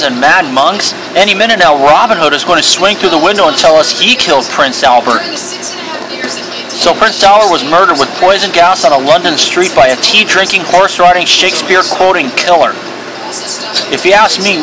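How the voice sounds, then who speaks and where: A man's voice: sits high, close to an everyday voice. A man voicing a brash, sarcastic American police detective in a video game, blunt and cheeky. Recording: clearly noisy background.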